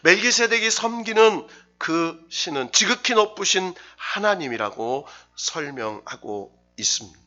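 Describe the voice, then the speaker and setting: In a church sanctuary, a man preaching a Wednesday sermon as pastor speaks in a high, bright, forceful voice, expressive and unhurried with few pauses. He stresses words and leads the congregation in reading scripture aloud, though the recording is muffled.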